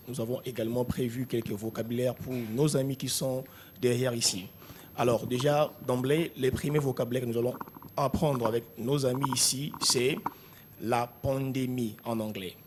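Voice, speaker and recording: A man teaching English vocabulary to children, saying each word slowly so they can repeat it. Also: mid-range voice, a little hiss or hum. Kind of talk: classroom drill lesson.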